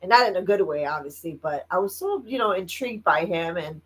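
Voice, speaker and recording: A woman's voice: on the low side, animated, fairly quick, husky, poor audio. A woman from Indiana co-hosting a live stream, chatting casually, laughing often and reading viewer comments aloud. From Indiana, United States.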